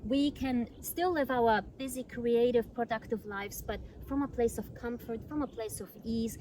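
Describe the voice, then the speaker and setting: A woman's voice: on the high side, normal speed, warm tone. Woman from Austria, community manager, fluent interview answers, noisy outdoor take. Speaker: community manager and yoga teacher.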